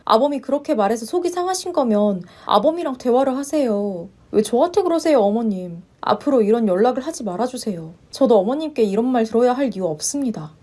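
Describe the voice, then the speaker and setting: A woman voicing a polite, long-suffering young wife who speaks in a measured way and turns firm under pressure. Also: fairly high pitch, lively intonation, mellow. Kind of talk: story narration with voiced roles.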